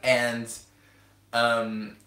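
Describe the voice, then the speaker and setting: A man's voice: medium pitch, monotone, extremely slow, sharp tone. Rambling young man on a live stream. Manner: rambling, hesitant with many ums. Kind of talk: casual live stream chat. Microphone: camera-mounted mic. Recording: roomy home recording with faint hiss.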